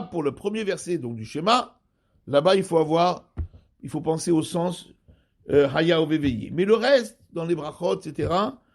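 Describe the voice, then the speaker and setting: A man gives a rabbinic study lesson in a fairly high voice. He explains step by step, pausing, repeating and rewording each term for his listeners. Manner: explains slowly, repeats and rephrases terms.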